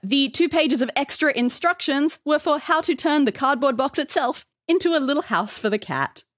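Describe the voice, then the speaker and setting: A woman's voice: high-pitched, lively intonation, moderate pace, a bit bright, dry recording, clean studio sound, faint music behind. A woman on a comedy panel game, teasing the players and giving hints. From Australia. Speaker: question-setter guest.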